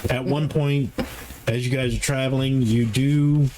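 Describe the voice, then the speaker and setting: A man improvising tabletop game narration as game master in a casual, halting way. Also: mid-range voice, fairly even intonation, a crowd in the background. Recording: noisy room with clicks.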